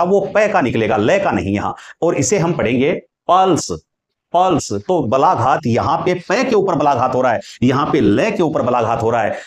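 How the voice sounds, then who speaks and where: A man's voice: fairly high pitch, a little mellow. Hindi teacher man, echoey room. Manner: explains patiently, repeats key points, draws out sounds as examples. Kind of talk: classroom-style lecture. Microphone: writing on a board while teaching.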